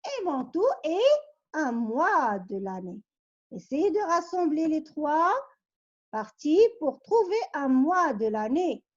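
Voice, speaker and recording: Slow, lively high-voiced woman teacher. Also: lo-fi sound. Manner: coaxing, patient, asks questions and gives hints. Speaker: primary school teacher. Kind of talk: reading riddles to pupils in a vocabulary lesson.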